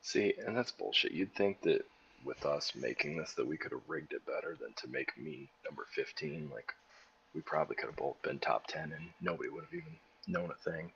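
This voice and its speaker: Man, co-host, tired, deep gravelly voice, joking, casual stream chat. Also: sing-song, a little fast, fairly bright tone, muffled recording. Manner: joking, sarcastic.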